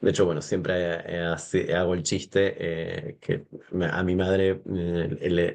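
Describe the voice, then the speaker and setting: Argentine guy in his 40s, a guest on a podcast, kinda low voice, lots of "eh"s and restarts, wanders off topic. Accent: Argentine Spanish. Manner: hesitant, many fillers and restarts, digressive. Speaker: guest scholar. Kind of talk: podcast interview.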